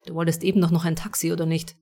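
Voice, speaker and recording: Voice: mid-range voice, level tone, very fast, mellow, close to an everyday voice. A reader voicing a cocky, mysterious young man in an audiobook who speaks curtly and mockingly and hisses when angry. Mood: cold. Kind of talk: audiobook character dialogue.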